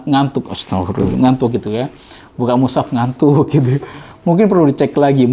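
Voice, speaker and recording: Mellow-voiced man preaching gently. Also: mid-range voice. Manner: gentle, conversational preaching with lively storytelling. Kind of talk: Ramadan religious talk with storytelling.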